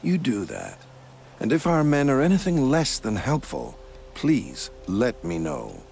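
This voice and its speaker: An actor playing a courteous, evasive male commander who smoothly denies wrongdoing. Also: medium pitch, huge pitch swings, measured pace, darkish tone, slight background noise, full character voice. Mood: smooth denial.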